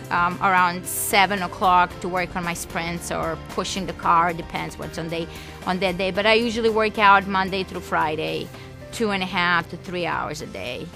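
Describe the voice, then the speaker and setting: A woman's voice: medium pitch, vocal fry. Woman, 20s, chatty interviewee with a mid-range voice. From Serbia. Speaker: interviewee, aspiring skeleton athlete. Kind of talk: casual interview talk.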